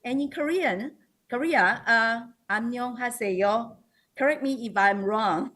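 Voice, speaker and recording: This woman's fairly high voice is animated and sharp-toned. With a Taiwanese accent, she presents slides formally in the role of a school principal, frequently pausing and fixing her own words.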